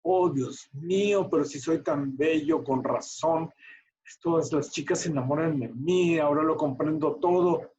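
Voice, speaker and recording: A man's voice: on the high side, a little slow, darkish tone, close to an everyday voice. A vain young demigod, played by a man with theatrical flourish and a slightly raised voice. The sound is muffled and lo-fi. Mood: self-admiring. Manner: theatrical, swooning delivery.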